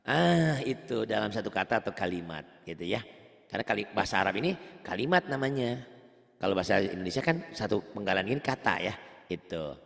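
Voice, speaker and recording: A man's voice: fairly low pitch, lively intonation, quick pace, creaky, a bit bright, in a large hall. A man teaching Quran recitation rules one-on-one, patiently repeating points and quizzing his student. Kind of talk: one-on-one tajwid lesson.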